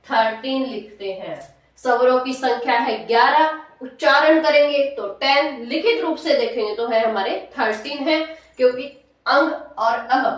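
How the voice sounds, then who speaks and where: Female Hindi teacher, high voice, questions the class then answers herself; far from the mic in an echoey room. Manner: drawn-out syllables, repeats points. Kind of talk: classroom grammar lesson.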